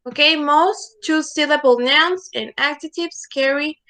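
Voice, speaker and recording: A woman's voice: sits high, sharp tone, rough recording. A woman teaching an English lesson in an online class, patient and repetitive, checking in with "okay?" again and again. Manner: patient, repeats words and asks "okay?" often.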